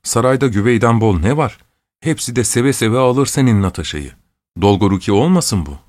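A man's voice: mid-range voice, lively intonation, normal speed, a little mellow, dry recording, lightly acted. A man voicing an elderly, pious, talkative aunt who exclaims and pleads in an audiobook. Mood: coaxing. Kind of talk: audiobook character voice.

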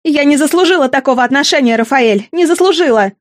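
Domineering mother, scolding and nervous, raised pitch, dry close sound as a woman narrator puts her on. fits a storybook reading. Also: fairly quick, no room sound, natural voice. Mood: shrill reproach. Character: domineering wealthy middle-aged mother, shrill and reproachful.

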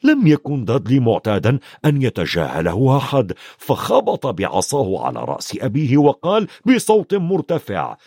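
A man narrating a storybook in an expressive, varied reading. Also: medium pitch, moderate pace, vocal fry, few pauses, husky, no room sound, studio quality. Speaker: audiobook narrator.

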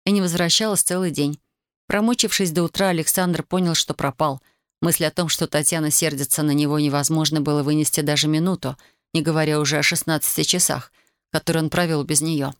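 Audiobook narrator, mid pitch, steady, dry booth sound. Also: a little fast, clean tone, no echo. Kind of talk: scripted narration.

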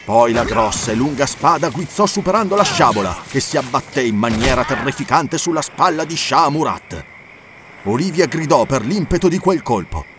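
A man reading an audiobook in steady, measured scripted narration. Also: mid-range voice, noisy background.

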